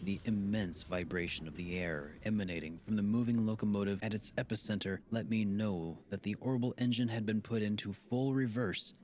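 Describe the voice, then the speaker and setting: A man narrating an audiobook with a steady, measured reading. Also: fairly low pitch. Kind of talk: scripted narration.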